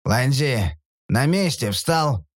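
A man voicing a gruff male mercenary leader with a husky, hissing, threatening voice. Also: mid-range voice, lively intonation, slow pace, no room sound, clean studio sound. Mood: menacing.

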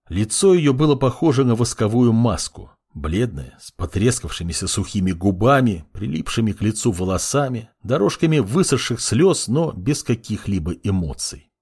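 Husky, expressive male audiobook narrator. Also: medium pitch, moderate pace. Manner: dramatic, expressive storytelling. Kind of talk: scripted narration.

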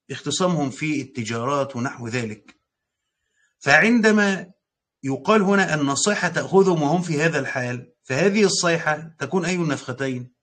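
A man's voice: on the high side, fairly bright tone. A man with an Egyptian accent teaching a lesson on Quran commentary, reading passages aloud and explaining them in casual speech with hesitant restarts. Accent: Egyptian Arabic. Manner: explains, reads passages aloud, then paraphrases.

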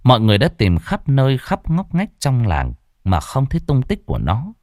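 A man narrating a ghost story in an expressive storytelling manner. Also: mid-range voice, moderate pace, no echo, clean studio sound.

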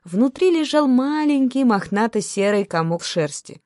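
A woman's voice: on the high side, animated, moderate pace, darkish tone, no room sound, clean studio sound. A woman narrating a first-person story in an ironic storytelling manner. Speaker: audiobook narrator.

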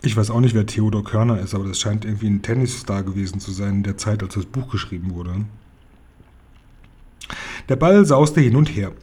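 Husky man reading a storybook aloud. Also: on the low side, brisk. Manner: relaxed reading with asides and small slips. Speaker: reader of a children's book. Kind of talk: casual read-aloud of a children's novel.

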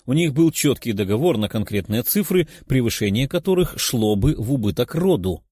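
Man reading an audiobook, mellow. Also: mid-range voice, big pitch swings, moderate pace, breathy edge, no echo, studio quality. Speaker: audiobook narrator. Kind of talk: scripted audiobook narration.

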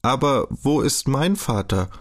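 A naive, childlike young man from an audiobook reading, his questions tumbling out in an urgent, pleading way, as a male narrator puts him on. The voice sits well above the reader's own pitch. He sounds wide-eyed and insistent. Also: lively intonation, unhurried. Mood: urgent questioning.

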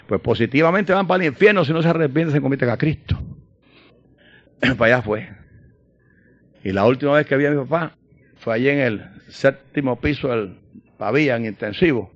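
A man preaching a sermon, swinging between loud emphatic proclamation and quiet personal storytelling. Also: mid-range voice, expressive, brisk, pauses often, dry recording. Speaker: pastor. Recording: dull lo-fi sound.

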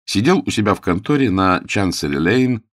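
A man narrating a story as an audiobook in a measured, expressive reading. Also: fairly low pitch, no room sound, clean studio sound.

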